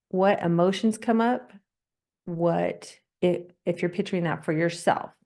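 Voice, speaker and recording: A woman with a slightly low voice hosts a podcast and walks listeners through a guided breathing exercise. She talks gently, slows down to guide, and laughs often. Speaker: podcast host.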